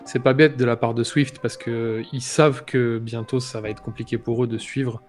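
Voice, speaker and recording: Relaxed male co-host with dry quips. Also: medium pitch, moderate pace, soft background music. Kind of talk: casual crypto chat show.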